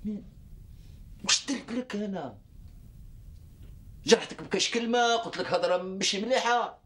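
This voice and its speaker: An actor with an Algerian Arabic accent, playing a weary husband who pleads and defends himself in a TV drama. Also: male voice, high-pitched, lively intonation, moderate pace, pushed and bright. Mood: pleading. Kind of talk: TV drama acting.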